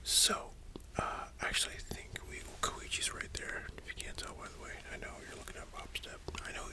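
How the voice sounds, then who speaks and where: Soft library whisper, casual ASMR fan talk. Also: brisk. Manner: soft unvoiced whispering throughout; informal, opinionated, slangy. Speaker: host of an ASMR channel.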